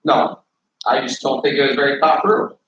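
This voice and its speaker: A man argues back defensively and with agitation, swearing often. His voice sits at a middle pitch and is picked up from a distance in a very echoey room. The sound is dull, with faint noise behind it. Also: moderate pace, a bit bright. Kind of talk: casual argument.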